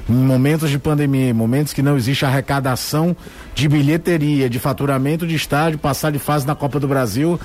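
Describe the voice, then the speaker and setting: A man's voice: mid-range voice, steady tone, brisk, darkish tone. A man giving conversational, explanatory football analysis on the radio, repeating words to build his points. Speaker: sports commentator.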